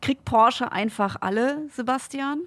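A woman's voice: high-pitched, unhurried. A woman hosting a podcast, introducing guests and asking questions in a conversational way. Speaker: podcast host, interviewer.

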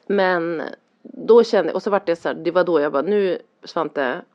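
A middle-aged woman, a parent, chatting casually and rambling through a story, acting out the lines people said. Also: lowish voice. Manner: rambling, animated, acts out quoted lines. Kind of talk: casual chat. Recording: dull lo-fi sound.

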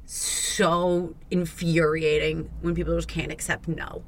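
A woman's voice: low-pitched, little pitch movement, slow pace. A woman hosting a podcast in casual chat, talkative and swearing, acting out other people's voices. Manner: chatty, swears, acts out quoted voices. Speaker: podcast host.

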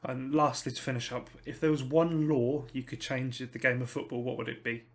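A man's voice: medium pitch, level tone, brisk. A young man hosting a football podcast, politely reading out prepared questions and wrapping up the show. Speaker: podcast host. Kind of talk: casual podcast interview.

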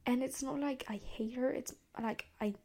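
A woman's voice: high-pitched, steady tone, normal speed, a little mellow. A young woman hosting a podcast, delivering a heated, profane, rambling rant and dropping into hissed whispers on the insults. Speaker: podcast host. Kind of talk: casual monologue rant.

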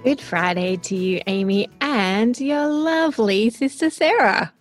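A woman's voice: on the high side, expressive, measured pace, no room sound, soft background music. An Australian-accented woman co-hosting a podcast with casual, chatty questions. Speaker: podcast co-host.

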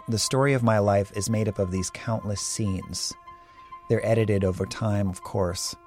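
A man with a fairly low voice hosts the show in scripted narration. He speaks in a measured, reflective way. Soft music plays faintly behind him. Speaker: podcast host.

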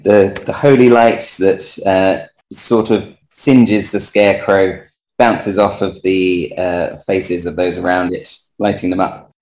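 A man narrating as game master of a tabletop game, relaxed and chatty with frequent hesitations. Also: sits low, slow pace, echoey room, rough recording.

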